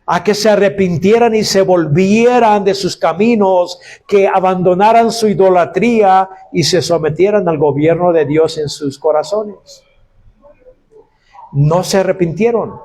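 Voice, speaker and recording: A man's voice: high voice, measured pace, darkish tone. A man preaching a sermon to his congregation, calling them brothers and acting out quoted cries of woe. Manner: preaching, addresses listeners as brothers. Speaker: pastor.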